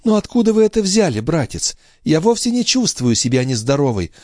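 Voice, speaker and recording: A man reading an audiobook voices a fragile, nervous young woman who talks in breathless, high exclamations. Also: big pitch swings, a little fast, a little mellow, no echo, studio quality. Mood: agitated, fluttery.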